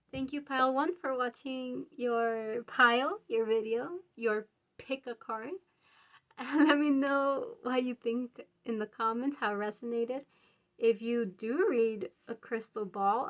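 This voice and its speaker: A woman reading tarot cards in a relaxed, unhurried way, her voice sitting a little high. She muses aloud and laughs often. She sounds a bit out of breath. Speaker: tarot reader. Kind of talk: casual pick-a-card tarot reading.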